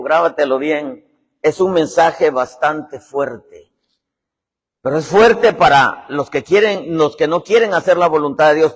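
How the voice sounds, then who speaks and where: A man preaching a sermon and telling a story, acting out the people in it as he goes. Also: fairly high pitch. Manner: dramatic storytelling, voicing characters in quotes. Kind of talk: sermon with acted-out anecdote. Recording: long hall reverb.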